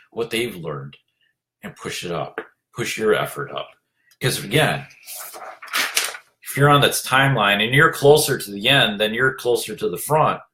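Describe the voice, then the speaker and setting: Earnest lower-voiced man giving a pep talk. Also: sharp tone. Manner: earnest, urging, repeats phrases, many "you know" fillers. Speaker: leadership coach hosting a motivational segment. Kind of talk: motivational talk.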